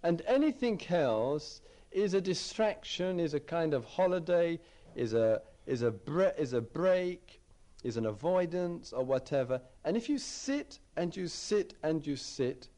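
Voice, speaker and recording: A man's voice: a little high, very animated, unhurried, mellow. A man giving a dharma talk as a meditation teacher, reflective, often repeating phrases as he searches for words.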